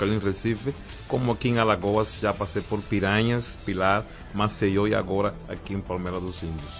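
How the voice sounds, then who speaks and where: A middle-aged Cuban man with a Cuban accent, a pastor speaking as a radio interview guest in a calm, measured way. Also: lowish voice. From Cuba. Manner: calm, measured, repeats affirmations.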